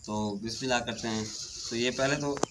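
A man's voice: medium pitch, steady tone, fairly quick. A middle-aged man hosting a family vlog outdoors in a village courtyard, talking in a chatty, reflective way with many fillers, filmed by a camera a few meters away. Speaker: vlog host. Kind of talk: casual family vlog talk. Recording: outdoor recording with background noise.

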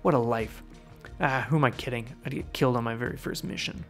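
A man's voice: mid-range voice, fast, a bit bright, faint music behind, lightly acted. A man voicing a chatty, self-doubting male guard in a video game, reading the lines casually and wistfully.

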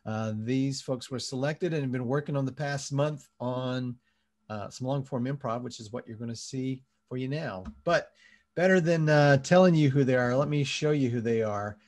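A man hosting a live online comedy show, speaking in a relaxed way with many fillers, over a video call. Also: mid-range voice, moderate pace. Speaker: host.

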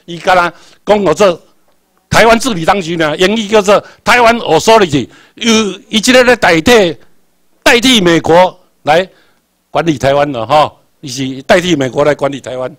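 A man's voice: high-pitched, normal speed, fairly bright tone, no echo. A man with a Taiwanese accent lecturing a class, repeating points and quizzing the listeners. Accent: Taiwanese Hokkien. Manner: repetitive, quizzes the class, spells out English letters.

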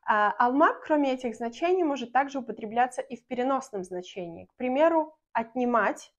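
Speaking to camera from a small room, a young woman from Belarus gives a language lesson in a high-pitched, animated voice. She is clear and patient, and she slows down whenever she models example sentences.

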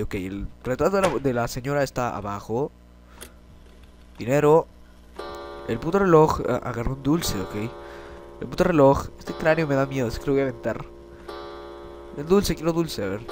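Man, congested from a cold, jumpy let's-play commentary, swearing, desk mic. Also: medium pitch. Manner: jittery, swears, yelps when startled. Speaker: gameplay commentator. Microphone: desk microphone.

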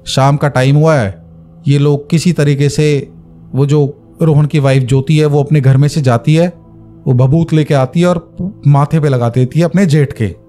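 Mellow man telling a horror story. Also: fairly high pitch, fairly even intonation, normal speed, faint music behind. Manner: conversational, explains terms with asides. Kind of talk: casual spoken storytelling.

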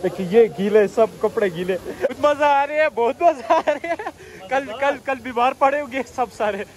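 A young man from Pakistan filming a casual travel vlog on a phone held at arm's length, chatting excitably outdoors on a trail and by a waterfall. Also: extremely high pitch, moderate pace. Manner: chatty, excitable, often laughing. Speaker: vlogger.

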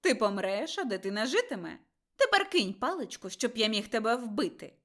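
A woman voicing a cruel male dark lord with a high, hissing, cold voice in an audiobook. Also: sing-song, moderate pace, exaggerated voice. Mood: mocking threat.

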